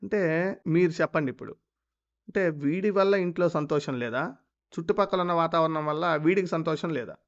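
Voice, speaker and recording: A man's voice: fairly high pitch, brisk. A man commenting on a clip with scornful indignation and pointed rhetorical questions. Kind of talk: critical commentary. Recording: dull lo-fi sound.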